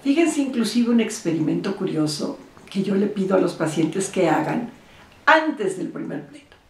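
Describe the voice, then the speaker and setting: A woman's voice: mid-range voice, moderate pace. Woman therapist in a roomy echo. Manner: animated, acts out quoted voices. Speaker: therapist giving relationship advice. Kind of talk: advice talk to camera. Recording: roomy echo, speaker far from mic.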